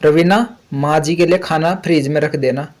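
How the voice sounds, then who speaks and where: A woman voicing a gentle, caring male crow son who reassures his mother. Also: sits low, fairly even intonation, normal speed, natural voice, rough recording. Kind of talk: cartoon voice acting.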